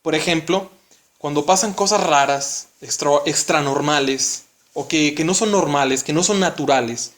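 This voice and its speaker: A man's voice: fairly high pitch, moderate pace, fairly bright tone. A man teaching a lesson, explaining patiently step by step and often checking in with the listener. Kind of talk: recorded classroom lesson.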